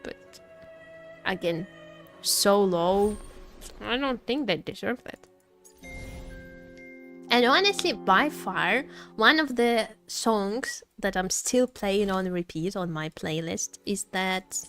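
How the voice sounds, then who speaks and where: A woman with a medium-pitched, slightly bright voice hosts a livestream and chats in a casual way. She tends to ramble and pause hesitantly while hunting for the right words.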